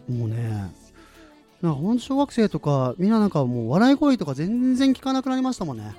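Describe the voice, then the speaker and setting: A man hosting a casual, rambling talk on voice training, humming and singing syllables to show how it is done. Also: on the high side. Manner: rambling, animated, hums and sings syllables to demonstrate. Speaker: voice training host. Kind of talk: casual monologue with vocal demonstrations.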